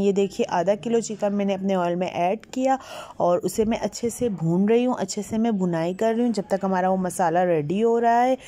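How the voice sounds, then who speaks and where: This home cooking channel host talks viewers through her recipe step by step in a chatty voice-over, repeatedly saying "ये देखिए" as she goes. She has a mellow, medium-pitched voice.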